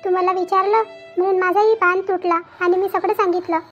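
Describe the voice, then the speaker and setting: A woman voicing a troubled young married daughter in a cartoon. She talks in a hesitant, pleading way with halting restarts. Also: extremely high pitch, level tone. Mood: tearful. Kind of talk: Marathi cartoon voice acting. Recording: dull lo-fi with faint background music.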